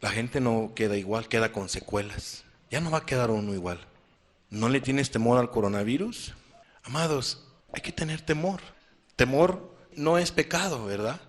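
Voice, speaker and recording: A man from Mexico preaching a sermon, dropping low and quiet at times, then rising loud and emphatic as he reads scripture. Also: lively intonation, moderate pace. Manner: rises to loud emphatic declaiming on scripture, drops low and soft between.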